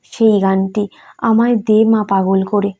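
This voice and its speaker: A woman voicing an elderly male saint who talks gently and playfully, in a storybook reading. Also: medium pitch, level tone, slow pace. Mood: gentle.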